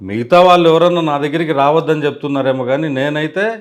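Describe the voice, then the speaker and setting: A man's voice: on the high side, fast talker. A man, a district party president, answering interview questions firmly and dismissively. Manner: firm, dismissive, repeating points.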